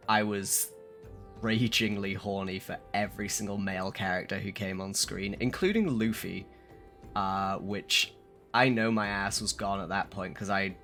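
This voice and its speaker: A hungover man streaming a game, chatting casually and haltingly with some swearing, his voice a little rough. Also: low-pitched, fairly bright tone. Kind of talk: casual livestream chat.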